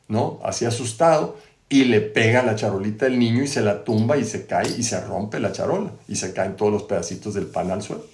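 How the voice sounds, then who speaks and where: A man's voice: mid-range voice, a little mellow. A man, retelling a biography in a conversational way, full of tag questions and restarts, in a roomy-sounding recording. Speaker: host. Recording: roomy echo.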